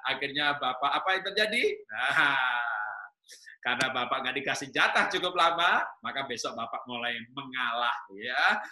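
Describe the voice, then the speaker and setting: A man's voice: medium pitch, pushed and bright, echoey room. A man preaching a humorous sermon to married couples, teasing the listeners with questions and jokes. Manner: joking, teasing the audience with questions.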